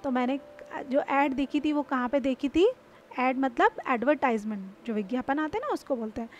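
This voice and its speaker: High-voiced woman teaching English words. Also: expressive, lo-fi sound, slight background noise. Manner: slow, deliberate example sentences, asks students to repeat. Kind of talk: explaining English words to students in Hindi.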